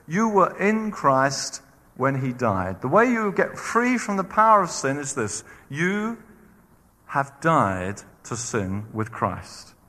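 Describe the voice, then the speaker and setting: A man's voice: on the high side, long reverb tail. A man preaching a sermon, acting out quoted voices as he goes. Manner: animated, acts out quoted voices.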